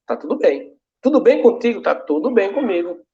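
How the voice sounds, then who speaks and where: A man's voice: sits high, very animated, a little fast. A male pastor giving a testimony to a congregation, acting out the dialogue in his story. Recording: dull lo-fi recording.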